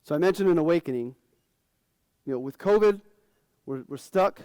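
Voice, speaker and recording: A man's voice: a little high, expressive, moderate pace, mellow, no echo. A man in his forties, a financial advisor, giving a casual, frank conference talk to fellow advisors.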